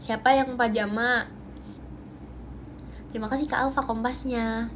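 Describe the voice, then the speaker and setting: A woman's voice: a little high, steady tone, a little slow, a little hiss or hum. A young woman with an Indonesian accent chatting casually on a phone livestream, bubbly and playful as she thanks viewers for gifts. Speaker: idol livestream host.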